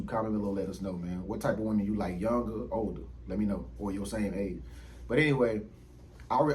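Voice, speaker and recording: A man's voice: mid-range voice, darkish tone, poor audio. A man in his thirties hosting his own channel, talking casually to the camera in a slangy, profane, rambling way full of fillers. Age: 30s. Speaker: YouTube channel host. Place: indoors under ring lights.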